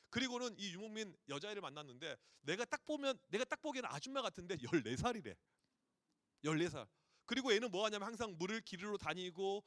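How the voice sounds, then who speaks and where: A male pastor preaches with a high, very animated voice that swoops through a wide range. He talks fast in a vivid storytelling manner, slipping into the voices of the people in his stories. The sound is close and dry. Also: no room sound. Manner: lively storytelling, acting out voices of parents and children. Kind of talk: sermon at a youth retreat.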